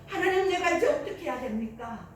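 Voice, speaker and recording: A woman's voice: very high voice, expressive, fairly quick, recorded from a distance, a little hiss or hum, voice pushed up. A woman preacher voicing Joseph, a young man praying earnestly in anguish, in an echoey church hall. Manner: pleading, earnest prayer.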